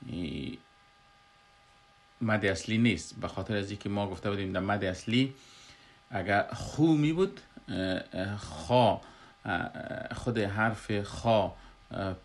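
A man with an Afghan Dari accent explaining a Quran recitation lesson, pausing often with filler sounds. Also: fairly low pitch. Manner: halting, frequent filler hesitations.

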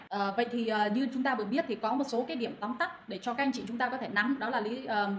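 A woman moderating a crypto channel, talking listeners through market reasons with frequent fillers and direct address. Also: a little high. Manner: addresses listeners as anh chị, many fillers. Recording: echoey room, faint noise.

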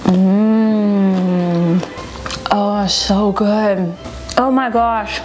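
A woman's voice: mid-range voice, fairly even intonation, very slow. Young woman, mouth full, chewing mid-word, gushing vlogger tone, music underneath. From North Carolina. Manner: chatty, gushing. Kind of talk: casual taste-test vlog.

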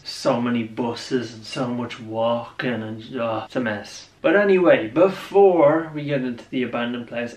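A young Irish man vlogging casually, rambling with lots of "like" and "you know", sometimes sinking to hushed whispers as he explores. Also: mid-range voice. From Ireland. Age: young adult. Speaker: vlogger and musician. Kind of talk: casual vlog chat. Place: room indoors, then an abandoned building. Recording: echoey, distant camera audio.

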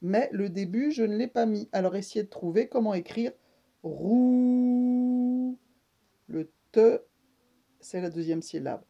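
A woman giving a slow reading lesson to young children, stretching and repeating sounds for them. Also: mid-range voice, gravelly, dark tone, dull audio. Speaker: speech therapist teaching reading.

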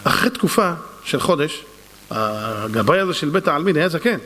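Animated rabbi telling stories in a hall. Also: male voice, fairly high pitch. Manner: animated storyteller acting out dialogue. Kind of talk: Torah lesson with storytelling.

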